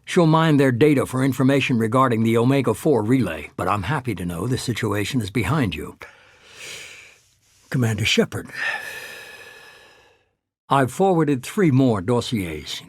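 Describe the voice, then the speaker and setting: The Illusive Man, husky, calculating shadowy leader. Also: medium pitch, no echo, clean studio sound. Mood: measured, persuasive. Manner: measured, cool, authoritative, persuasive. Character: calculating middle-aged male leader of a shadowy human-supremacist organization. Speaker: video game character voice. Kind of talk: cinematic video game dialogue.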